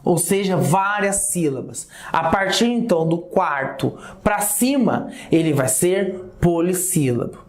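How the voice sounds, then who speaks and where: Woman teacher, Brazilian accent, informal and checking in with students; slow delivery, echoey recording. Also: fairly low pitch, lively intonation, darkish tone. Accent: Brazilian Portuguese. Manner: addresses students informally, checks understanding with repeated "tá?" and "ok?". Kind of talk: recorded class lesson. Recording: echoey classroom sound.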